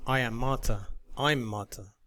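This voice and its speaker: Slow, deliberate male English teacher. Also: medium pitch, sharp tone. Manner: deliberate, measured reading of drill sentences. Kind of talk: slow, careful lesson reading.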